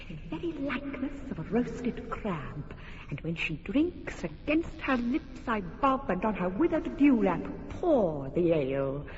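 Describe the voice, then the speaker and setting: A woman voicing Puck, a mischievous trickster fairy, in lively, teasing radio drama. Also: medium pitch, background noise. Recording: dull lo-fi radio with long reverb and background ambience.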